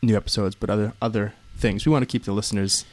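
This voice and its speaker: A man co-hosting a casual podcast, speaking in a low, measured radio voice. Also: steady tone, darkish tone, no echo. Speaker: podcast co-host.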